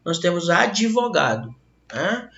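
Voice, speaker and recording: Brazilian male teacher, gravelly and roomy. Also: high-pitched, takes it slowly. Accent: Brazilian Portuguese. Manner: lively, asks questions and answers them himself. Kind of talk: online grammar lesson. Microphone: laptop mic. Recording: roomy, dull lo-fi webcam audio.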